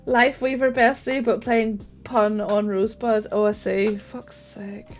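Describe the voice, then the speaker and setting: A young woman chats casually on a gaming stream in a fairly high voice. She swears freely and jumps up into squeals when excited. Soft music plays faintly under her. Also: measured pace. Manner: bubbly, swears freely, greets chat warmly.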